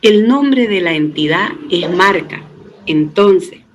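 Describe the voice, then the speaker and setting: A man's voice: high voice, lively intonation, slow pace, a bit bright, a little hiss or hum, rough recording. Patient middle-aged man teaching databases. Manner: patient step-by-step explaining, with frequent tag questions to students; uses 'este' as a filler and often restarts words. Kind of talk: recorded lecture.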